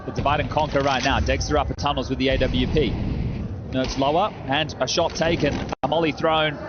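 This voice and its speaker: A man's voice: mid-range voice, fairly even intonation, a little fast. A man working as an esports caster, adding tactical analysis in live match commentary. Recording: dull broadcast audio with noise.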